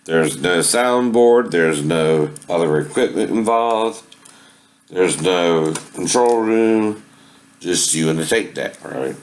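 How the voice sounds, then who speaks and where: With a faint hiss or hum behind him, a man speaks slowly in a low, expressive voice while demonstrating a tape deck for an amateur video. He explains things casually, breaks into sung impersonations, and often checks in with "right?"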